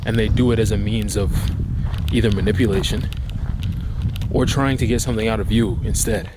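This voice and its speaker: Male vlogger, lowish voice, reflective casual advice delivered while walking outside, with clear city and traffic noise. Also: fairly even intonation, a little fast. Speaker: vlogger giving life advice. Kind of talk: casual reflective talk to camera. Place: outdoors on a walk. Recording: outdoor city ambience, clear background noise. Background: outdoor urban noise, vehicles.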